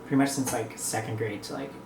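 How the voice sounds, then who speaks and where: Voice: medium pitch, steady tone, quick pace. A North American vlogger chatting casually and reflectively to viewers, rambling between bites while eating. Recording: echoey room with clear background noise.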